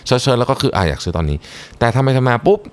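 A man's voice: medium pitch, very animated, very fast, smooth. A man with a Thai accent explaining business research findings in a solo talk, mixing in English terms and polite particles. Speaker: podcast host.

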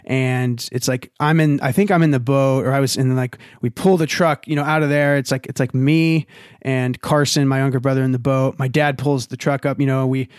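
A young man telling a funny family story in a casual chat, animated, laughing often, with many fillers. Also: medium pitch, normal speed, clear, resonant tone, no room sound, clean studio sound. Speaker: podcast guest telling a story.

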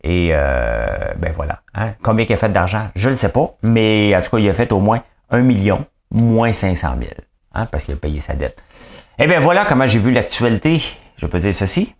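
A man's voice: on the low side, sing-song, normal speed. A man with a Quebec French accent hosting a daily news podcast, commenting casually in a rambling, chatty way with many fillers and asides.

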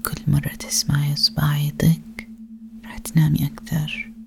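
A woman giving soft, whispered hypnosis commands in an ASMR roleplay, close to the mic. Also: deep voice, creaky, background noise. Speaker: ASMR performer.

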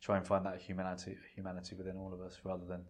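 Speaking very fast in a low, monotone voice, a middle-aged native Punjabi speaker answers questions as a guest in a laid-back interview. He's reflective and meandering, often using fillers and starting his sentences over.

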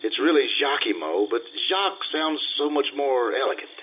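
A man's voice: medium pitch, lively intonation, normal speed, slight background noise, natural voice. Man playing Casanova, vain romantic, tinny sound. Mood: haughty. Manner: theatrical, self-important. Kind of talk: old-time radio drama acting and narration. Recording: tinny radio-play recording, music behind.

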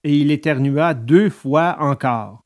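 A man narrating a storybook in an animated, expressive way. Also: a little high, slow pace. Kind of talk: storybook reading.

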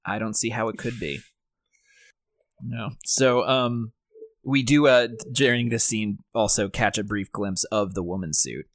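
A man leads a relaxed, conversational movie recap as podcast host. His delivery is wry and informal. The recording is dry and close, free of room echo. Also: on the low side, a little slow. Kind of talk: casual film recap and commentary. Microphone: own microphone on an internet call.

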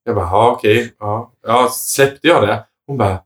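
Laughing man telling a story. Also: mid-range voice. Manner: animated storyteller, quotes others with "jag bara", laughs often. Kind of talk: casual chat, anecdote.

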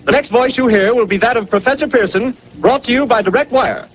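A 1930s studio announcer with an old newsreel delivery, high, rapid voice, faint hiss under it. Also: male voice. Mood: urgent. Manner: formal, crisp bulletin-reading. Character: brisk male radio studio announcer. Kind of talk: 1930s radio drama announcing. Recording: muffled 1930s radio broadcast with faint hiss.

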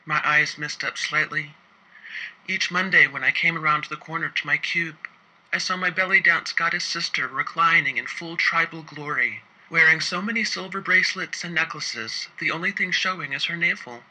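A man narrating a comic first-person tale with dry, wry timing. His voice is sharp and strained in tone, with a husky edge, and sits a little high for a man. He speeds through asides and slows down for the punchlines. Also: low-quality recording. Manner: wry, dry, shifts between quick asides and slow emphasis. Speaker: storyteller recounting his work as an inspector.

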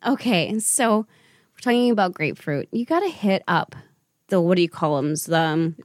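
A woman's voice: lowish voice, big pitch swings, normal speed, dry recording, clean studio sound. A woman hosting a casual tasting chat, giggly and chatty, admitting she is a bit tipsy. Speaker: host.

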